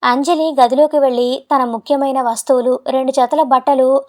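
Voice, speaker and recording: High-voiced woman narrating an emotional story. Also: moderate pace. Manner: steady, dramatic storytelling.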